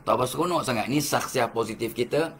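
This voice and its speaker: Older man, Malaysian Malay accent, motivational religious lecture, mid-pitched voice, brisk rhetorical questions. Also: husky. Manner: lively, rhetorical questions, chuckles. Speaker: motivational speaker.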